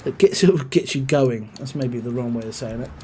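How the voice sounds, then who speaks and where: A man's voice: mid-range voice, moderate pace, over loud music. A man chatting casually on a gaming live stream, rambling and answering his chat.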